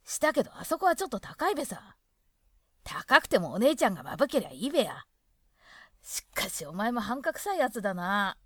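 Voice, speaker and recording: A woman's voice: a little high, big pitch swings, brisk, dry recording, clean studio sound. A woman doing a chummy Hokkaido office guy. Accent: Hokkaido dialect. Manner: brash, chummy. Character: casual male office worker inviting friend for drinks.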